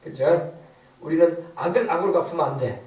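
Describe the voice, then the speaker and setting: Pastor, man, middle-aged, high voice with a mellow tone, emphatic repetitive preaching, echoey church from a distance. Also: normal speed. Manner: rhetorical questions, emphatic repetition. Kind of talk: sermon. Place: church sanctuary.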